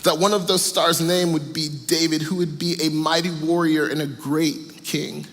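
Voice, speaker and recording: A man's voice: a little high, steady tone, moderate pace, fairly bright tone, long reverb tail. A male pastor preaching a sermon, telling a story earnestly and stressing points through repetition. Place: church auditorium.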